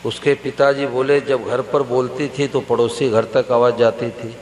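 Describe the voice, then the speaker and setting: Slow-speaking male preacher in echoing hall. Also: medium pitch, level tone, darkish tone. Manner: slow, storytelling, addresses the audience directly. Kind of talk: devotional sermon. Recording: roomy hall reverb with faint hum.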